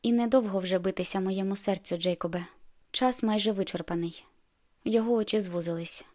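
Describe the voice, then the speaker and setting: A woman reading a novel aloud as first-person narrator, expressive and lively in the heroine's outbursts. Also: mid-range voice, brisk, slight background noise. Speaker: audiobook narrator.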